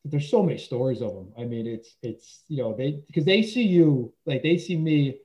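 A man's voice: medium pitch, lively intonation, moderate pace, mellow. A man who works as a teacher, telling stories in a casual interview, rambling with lots of "you know" and restarts. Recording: dull lo-fi recording.

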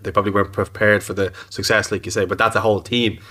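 A male podcast host who talks very fast in a flat, even tone. His voice is low and bright as he jumps in with quick remarks. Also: husky. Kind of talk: casual interview chat.

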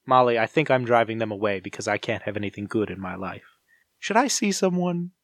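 A man's voice: fairly low pitch, expressive, a little fast, no echo, studio quality. A young man co-hosting a podcast with bantering comic chat and a mock-grandiose, theatrical manner. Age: young adult. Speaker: podcast co-host.

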